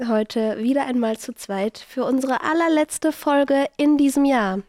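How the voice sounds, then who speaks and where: An Austrian woman hosts a podcast in a casual, conversational way. Her voice is on the high side and nasal with congestion, recorded dry with very little room sound. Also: a little slow, a little mellow, no room sound. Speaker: podcast host.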